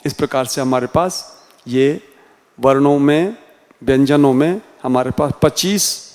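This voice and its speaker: A man teaching a Hindi class in a slow, deliberate way with a Rajasthani accent, sounding out each letter one by one. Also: medium pitch, a little mellow. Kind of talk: classroom lecture. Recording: reverberant room sound.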